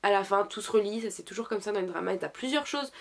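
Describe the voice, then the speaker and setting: A woman's voice: medium pitch, quick pace, vocal fry. A young woman who is sick, chatting casually and hesitantly about shows she liked, with many fillers and restarts. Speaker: YouTuber reviewing dramas. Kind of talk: casual chat.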